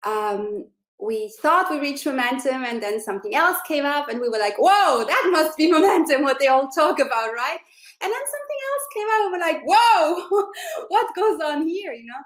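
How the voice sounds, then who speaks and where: A chatty woman in her forties, originally from Austria, talks eagerly as a guest on a video call. Her voice sits fairly high and carries the echo of the room around her. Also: very animated, normal speed. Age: 40s. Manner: chatty and enthusiastic, with many fillers. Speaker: interview guest. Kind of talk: casual interview over video call.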